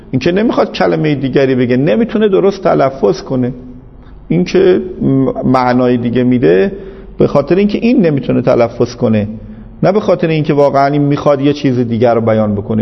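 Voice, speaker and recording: A man gives a seminary lecture on jurisprudence, pressing his argument with patient, emphatic repetition. His voice is gravelly and sits a little high. The recording is dull and lo-fi, with a long reverb from the lecture hall. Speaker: teacher of Islamic jurisprudence.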